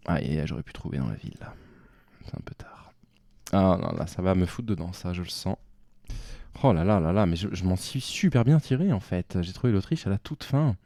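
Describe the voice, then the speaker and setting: Homme à la voix grave et sombre, commentant son jeu. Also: male voice, sits low, expressive, brisk, warm tone, dry recording, clean studio sound. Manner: thinks aloud, talks to himself. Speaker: game commentator. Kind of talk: live game commentary.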